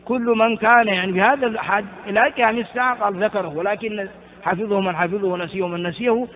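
A man teaching a lesson on Quran exegesis, explaining at length with rhetorical questions and chanting verses slowly between explanations. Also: high voice. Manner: frequent restarts and rhetorical questions. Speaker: Islamic scholar teaching tafsir. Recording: tinny phone-like recording with long reverb.

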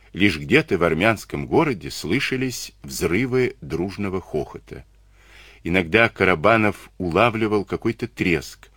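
Man, deep low voice, animated swooping delivery, audiobook narration, dry close recording. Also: no echo. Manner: lively, expressive reading with voiced dialogue. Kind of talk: scripted narration of a novel.

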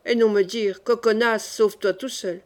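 A woman's voice: medium pitch, steady tone, normal speed, close to an everyday voice. A woman voicing Coconas, a brash male swordsman who blusters and swears old oaths, in an audiobook reading. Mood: urgent.

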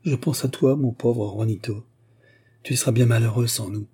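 A man voicing a grieving young girl in an audiobook, in a soft, tender tone close to his own voice. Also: medium pitch, normal speed, slightly rough, lightly acted.

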